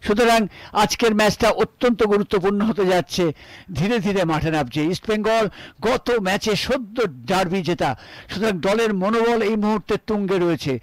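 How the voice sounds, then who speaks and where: Very high-pitched man commentating football. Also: brisk, no echo. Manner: emphatic, exclaiming on shots and goals. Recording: noisy outdoor ground with crowd din. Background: crowd and ambient stadium noise.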